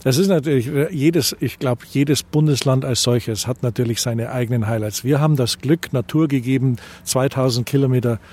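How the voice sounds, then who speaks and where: With a medium-pitched, darkish voice at normal speed and few pauses, a middle-aged Bavarian man answers interview questions as president of a tourism association. His Bavarian accent is clear, and he sounds hesitant, full of fillers and restarts.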